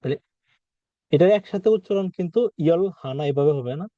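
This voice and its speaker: A man's voice: on the high side, fast talker, dark tone, no room sound, muffled recording. A man teaching a vocabulary lesson, patiently repeating words and quizzing the listener. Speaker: Korean language teacher.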